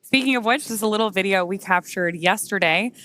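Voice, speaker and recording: A woman's voice: mid-range voice, quick pace, fairly bright tone. A woman co-hosting a live spaceflight webcast, explaining things in a conversational way. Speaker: launch webcast co-host.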